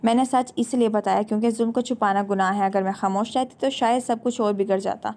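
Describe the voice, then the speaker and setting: A woman's voice: medium pitch, fairly even intonation, dark tone, natural voice. An earnest young stepdaughter, as a woman reader puts her on. She pleads in a heartfelt way in a dramatic storybook reading.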